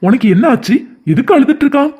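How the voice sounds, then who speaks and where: A woman's voice: high voice, animated, fast talker, noisy background, pitched below the performer's own voice. A woman with a Kanyakumari Tamil accent voicing a kindly, mysterious man of the forest in a cartoon story, soothing and reassuring.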